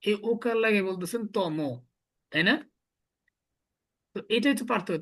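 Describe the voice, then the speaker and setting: In a classroom lesson, a high-pitched male teacher explains patiently, step by step, and keeps drilling his students with repeated questions.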